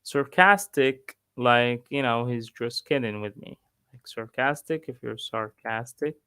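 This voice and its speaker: A man with an Egyptian accent, an English teacher reading a book aloud and pausing to explain words. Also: medium pitch, bright, forceful tone, smooth, no echo. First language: Arabic. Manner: slow, pausing to explain vocabulary.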